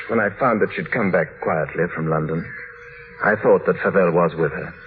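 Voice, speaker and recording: A man with a deep, natural voice acts in an old radio drama as a tormented husband. He delivers a grave, halting confession with dramatic weight, captured on a muffled, noisy vintage recording.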